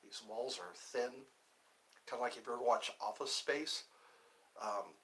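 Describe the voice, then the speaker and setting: Talking quietly on a phone livestream from an indoor room with thin walls, a middle-aged man chats with viewers, meandering through stories with lots of fillers. His hushed voice is medium-pitched and measured in pace.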